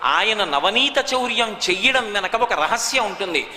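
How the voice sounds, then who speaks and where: Brief: a male spiritual speaker, emphatic storyteller, high and sharp-toned, reverberant hall. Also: animated, moderate pace. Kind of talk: devotional sermon with storytelling. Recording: echoey hall, long reverb.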